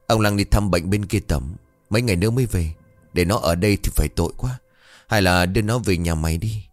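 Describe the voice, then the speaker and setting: A man's voice: sits low, fairly quick, no echo, soft background music, lightly acted. A man voicing an old village woman who scolds and fusses bluntly. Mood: scolding. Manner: scolding, sharp-tongued.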